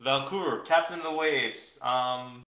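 A man narrating as game master in an online tabletop game, pausing often to look up details. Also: medium pitch, pushed and bright, roomy sound, highs cut off. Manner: halting, looks things up mid-narration.

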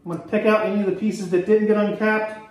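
Middle-aged man, fairly high voice, relaxed how-to demo; echoey workroom, mic a few feet off. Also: distant mic. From Maryland, US. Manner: relaxed, explanatory, pauses while working. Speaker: beekeeper demonstrating honey harvest. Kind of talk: hands-on how-to demonstration. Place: indoor workroom, hard surfaces. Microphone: camera mic from a few feet away.

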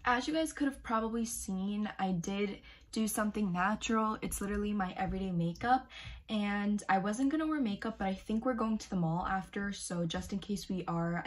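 Chatty teenage girl vlogging at home. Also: medium pitch. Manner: chatty, filler-heavy, addresses viewers directly. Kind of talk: casual day-in-my-life vlog. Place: bedroom at home, indoors.

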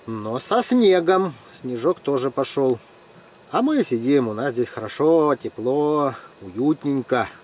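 A middle-aged fishing vlogger with a medium-pitched voice gives casual commentary from an ice-fishing tent, joking around and teasing his friends in a lively way. There's slight background noise.

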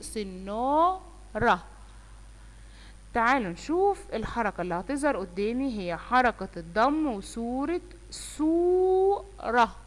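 A woman teacher with an Egyptian Arabic accent, slowly sounding out letters and words for young children and praising them often. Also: fairly high pitch, long reverb tail. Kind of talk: online phonics lesson for young children.

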